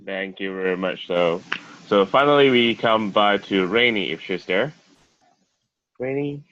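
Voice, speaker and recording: A man with a low voice chairs an online speaking-club meeting and introduces each member in turn. His speech is polite and steady. The audio is a dull, dry video-call feed. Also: a little slow, dry recording. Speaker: meeting president.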